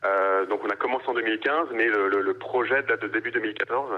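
Man from Paris, radio guest, low voice, hesitant with fillers, dull radio sound. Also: quick pace. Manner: hesitant, many fillers and restarts. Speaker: winemaker guest. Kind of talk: radio interview answers.

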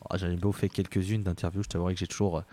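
A man's voice: sits low, level tone, rapid-fire, dark tone. A man from France interviewing on a podcast, joking loosely and swearing casually.

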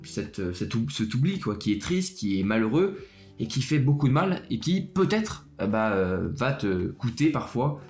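A young man talks casually on his podcast, chatty and a little hesitant, often circling back to restart a thought. His voice sits at an ordinary middle pitch. The room around him rings with echo, with faint music beneath. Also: sing-song, normal speed, darkish tone. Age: young adult. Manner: chatty, speaks directly to the listener, hesitant restarts. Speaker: student podcast host. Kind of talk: casual solo podcast talk.

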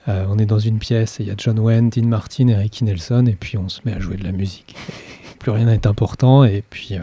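A man's voice: fairly low pitch, steady tone, fairly quick, dark tone, slight background noise. A man speaking as a guest on a radio talk show, reflective and wandering, with many fillers. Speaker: guest, cinema programmer.

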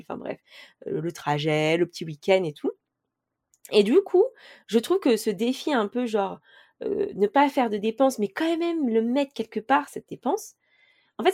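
A woman's voice: mid-range voice, darkish tone. A woman hosting a casual personal-finance podcast, talking informally to her listeners with many hesitations and the odd swear word. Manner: addresses listeners directly. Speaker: podcast host.

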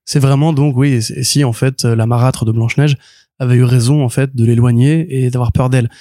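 A man's voice: medium pitch, fairly even intonation, brisk, dark tone, dry recording, clean studio sound. A man co-hosting a casual comics podcast, rambling with fillers and restarts, talking enthusiastically. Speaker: podcast co-host. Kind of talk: casual chat reviewing comics.

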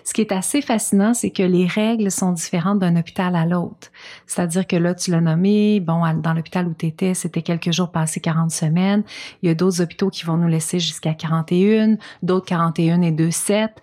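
A woman's voice: on the low side, steady tone, fairly quick, mellow. A woman with a Québécois accent hosting an interview podcast, engaged and affirming, adding context to her guest's story. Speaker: podcast host. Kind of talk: conversational interview.

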